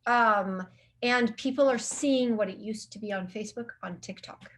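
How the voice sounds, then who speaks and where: A woman's voice: a little high, moderate pace, fairly bright tone. A woman speaking as a marketing guest in a casual interview. She rambles, restarts her sentences and uses lots of filler words. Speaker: guest social media marketing specialist.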